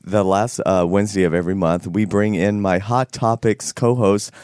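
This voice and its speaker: A man with a slightly hoarse, froggy voice hosting a talk show with playful, teasing banter. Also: fairly low pitch, steady tone, moderate pace, a little mellow, dry recording, studio quality.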